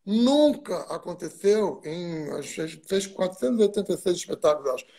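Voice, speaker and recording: A man's voice: high voice, animated, moderate pace, vocal fry, dark tone. A man from Brazil, a guest stage actor in a video-call interview, recalls his work at length with asides and digressions. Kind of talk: reflective interview storytelling.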